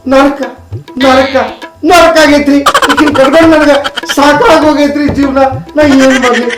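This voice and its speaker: A man plays a melodramatic, whining husband with a North Karnataka accent, forever complaining. His voice is very high-pitched and sounds roomy and echoey, with music running underneath. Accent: North Karnataka Kannada. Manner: whiny, complaining. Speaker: husband seeking divorce. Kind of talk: comedy sketch acting.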